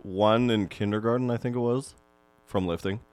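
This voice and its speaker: A young man with a very low, deep voice talks in easy, casual podcast chat. He is laid-back and lets his sentences fade away quietly. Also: steady tone, moderate pace, clean tone. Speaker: podcast co-host.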